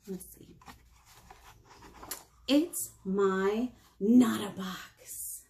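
Recorded up close on a webcam in a small room, a woman in her thirties who works as a children's librarian gives a storytime read-aloud. She reads picture books in a medium-pitched voice, lively and sing-song, with whispers mixed in.

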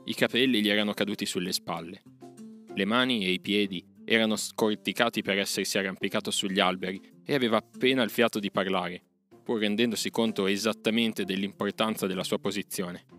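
A man narrating a classic story aloud with a measured, expressive reading. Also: on the low side. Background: faint music.

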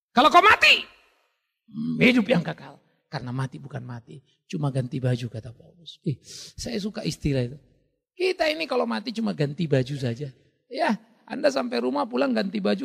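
A male pastor preaching a lively sermon, swinging between loud bursts and quiet, intimate drops. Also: high voice, creaky, breathy edge, in a large hall. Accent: Indonesian.

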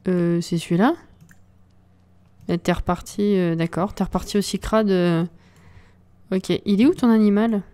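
A woman's voice: mid-range voice, steady tone, unhurried, long pauses, dark tone, clear, resonant tone. A woman hosting a let's play from home into a desk mic, giving casual, exasperated commentary and talking to the game characters.

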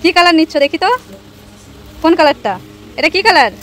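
Playful young mother, high bright voice. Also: expressive, brisk, slight background noise, rough recording. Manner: playful, teasing, talks to children and viewers. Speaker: mother filming her children. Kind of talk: casual family vlog narration.

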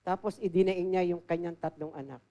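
A woman with a lowish voice preaches a little fast as an assistant pastor, delivering a storytelling sermon. She keeps the stories conversational, mixes in English phrases, and regularly alternates between loud and quiet.

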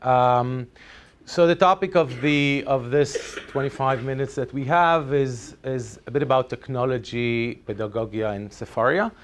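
A middle-aged Israeli man, a native Hebrew speaker, gives a chatty, hesitant conference presentation at a teachers' workshop, full of ums and restarts. He's in a lecture room with a projector screen, speaking in a mid-range voice at a measured pace with slight background noise.

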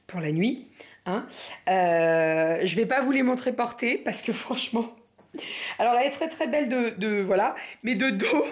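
A young woman chats casually to her camera as a vlogger, with plenty of hesitations and filler sounds. Her voice sits at an ordinary pitch with a gravelly fry at the edges. She talks in a loose, unscripted way. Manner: chatty, full of hesitations and fillers.

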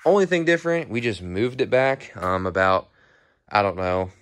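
A young American man gives a home gym tour as a fitness vlogger, chatting off the cuff in a laid-back, rambling, slangy way. His lowish voice is expressive and moderately paced, with no room sound. He's in an indoor garage-shop gym with metal walls, holding a phone behind the camera view to record.

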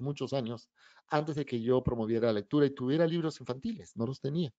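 A man's voice: medium pitch, no room sound, muffled recording. A middle-aged children's author giving an anecdotal talk, acting out the dialogue in his stories. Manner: animated storyteller acting out dialogue.

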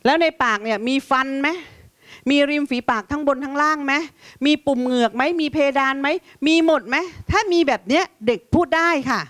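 A woman teacher lectures in a lively, chatty way and keeps tossing questions out to her listeners. Her voice sits a little high for a woman, and the sound is dry and close with little room. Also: a little fast, no room sound. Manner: lively, chatty, asks the audience questions often.

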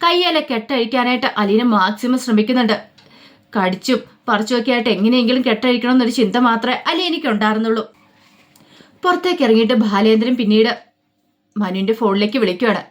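This is a woman narrating a family drama in a relaxed, spoken way. Her voice sits fairly high, and she slips into each character's lines without changing much. The telling feels informal and conversational. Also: fairly quick. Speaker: storyteller. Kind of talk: casual spoken story narration.

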